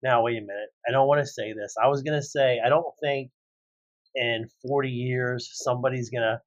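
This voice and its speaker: A man's voice: mid-range voice, steady tone, fairly quick, no room sound, muffled recording. A man co-hosting a casual podcast chat, rambling along with lots of fillers. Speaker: podcast co-host.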